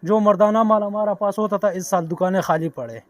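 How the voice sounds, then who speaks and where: A man with a Pakistani accent answers from his market stall in short, blunt bursts. His voice runs high. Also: steady tone, a little fast, no room sound. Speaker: secondhand shoe seller. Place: outdoor street market.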